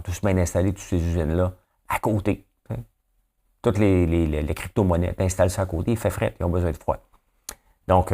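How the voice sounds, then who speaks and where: A man with a very low voice and a Quebec French accent, hosting his daily news commentary. He talks casually and rambles from point to point. He keeps tossing out rhetorical questions. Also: warm tone. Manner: rambling, asks rhetorical questions, often tags "hein?".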